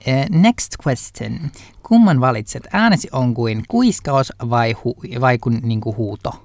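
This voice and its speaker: A young man co-hosting a casual podcast, reading out questions and answering in a relaxed, easy way. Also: mid-range voice, no echo. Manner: relaxed, reads out questions, short agreeing replies. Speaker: podcast co-host. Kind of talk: casual chat.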